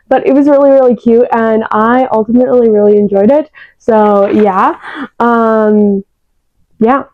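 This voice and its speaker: A young woman book vlogger with a slightly high voice gives a casual, chatty, gushing review, often repeating words for emphasis. She's talking into her new external microphone, and the sound is dry with no echo but phone-like in quality.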